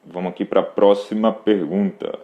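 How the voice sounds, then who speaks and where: A man's voice: on the low side, level tone, normal speed, phone-quality sound. A man with a Brazilian Portuguese accent hosting a live Q&A, patiently explaining practical parenting advice straight to a parent. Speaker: host answering parenting questions.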